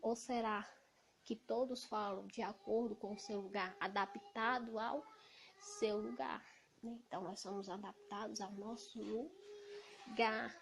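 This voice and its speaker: A woman from Ceará with a Cearense Brazilian accent, talking loudly and emphatically in an indignant casual monologue to camera. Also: fairly high pitch, measured pace, vocal fry. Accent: Cearense Brazilian Portuguese. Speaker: evangelical vlogger. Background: noisy children.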